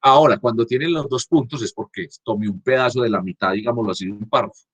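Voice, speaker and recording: Husky-voiced male teacher, dry close computer mic, halting delivery with frequent restarts. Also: medium pitch, dry recording. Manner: halting, frequent restarts, checks understanding with "¿cierto?". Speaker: university teacher. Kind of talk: online class lecture. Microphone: computer mic on a video call.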